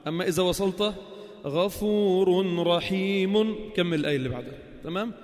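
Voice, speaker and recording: A man's voice: high-pitched, expressive, very fast. A man teaching a Quran recitation class, quizzing students and stretching out example words. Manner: questions the class, then drawls out example words. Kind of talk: classroom lesson. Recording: long hall reverb.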